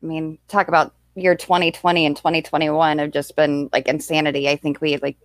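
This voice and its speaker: This livestream host is a young woman from the United States whose voice sits low, with a level tone and fairly quick delivery in a room-free recording. Her casual chat wanders, punctuated by frequent thanks to viewers.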